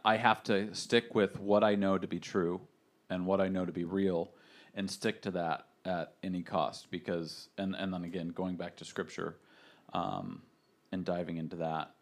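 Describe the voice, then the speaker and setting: A man's voice: sits low, creaky. A man co-hosting a podcast, talking casually and reflectively, with frequent hesitations and restarts. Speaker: podcast co-host. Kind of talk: casual faith podcast chat.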